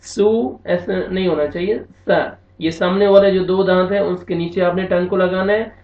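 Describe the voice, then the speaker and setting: A man teaching Quran recitation, slowly spelling out syllables and chanting them, then explaining pronunciation briskly. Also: high voice, little pitch movement. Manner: slow drawn-out recitation alternating with brisk explanations. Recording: tinny phone-like audio, roomy echo, distant from mic.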